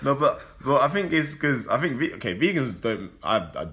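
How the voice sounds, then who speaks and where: A young man chatting casually and arguing his opinions in an animated, slangy, sweary way. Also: mid-range voice, normal speed. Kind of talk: casual chat, debate.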